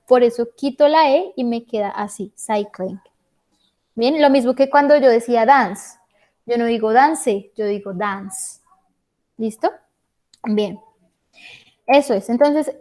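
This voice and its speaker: Woman, english teacher, online class, patient, asks questions, fairly high voice. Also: darkish tone. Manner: patient, checks understanding with questions.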